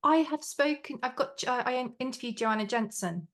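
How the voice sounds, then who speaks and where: A woman's voice: high voice, normal speed, a bit bright. A woman hosting a podcast interview, chatting casually with her guest. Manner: supportive, brief interjections. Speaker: podcast host.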